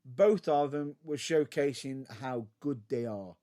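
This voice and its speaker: A man's voice: medium pitch, measured pace, dark tone. A man co-hosting a podcast, laughing often and steering the talk onward. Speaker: podcast co-host. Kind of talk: casual chat.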